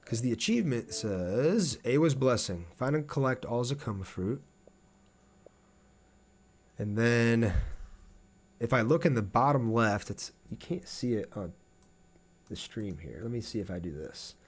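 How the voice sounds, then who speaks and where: Mid-game on a livestream, a man reads his viewers' comments out loud and responds in a relaxed, conversational way. His medium-pitched voice is slightly rough and lively in intonation, and he moves at a measured pace with frequent pauses.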